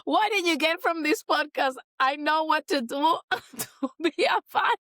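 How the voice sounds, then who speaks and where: A woman's voice: sits high, animated, unhurried, fairly bright tone, dry recording, studio quality. A woman co-hosting a casual sports podcast, giggly and self-deprecating as a new fan. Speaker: podcast co-host. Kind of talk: casual chat.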